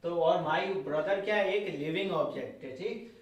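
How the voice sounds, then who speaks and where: A man teaching a grammar lesson. He keeps asking his students questions, answers them himself, and ends lines with a quick "theek hai.". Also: fairly high pitch. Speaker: English teacher. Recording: very echoey room, voice from far off the mic.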